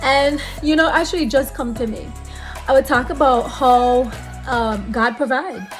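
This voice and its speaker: High-voiced Belizean Creole woman, earnest. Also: measured pace, faint music behind. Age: late 30s. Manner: earnest, repeats phrases for emphasis. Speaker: vlogger giving faith advice. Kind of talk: casual talk to camera with spiritual encouragement.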